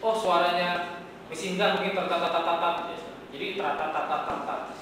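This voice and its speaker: A man's voice: high-pitched, fairly even intonation, normal speed, noisy background. A man teaching a classroom lesson in a chatty way, often quizzing his students. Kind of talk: classroom lecture. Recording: echoey classroom from far off.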